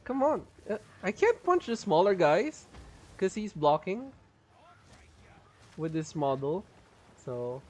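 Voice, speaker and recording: During live gameplay commentary, a man chats casually about his build details and laughs a lot, his strained voice suppressing a cough. He speaks high and sing-song, slowly, pausing often, with a darkish tone.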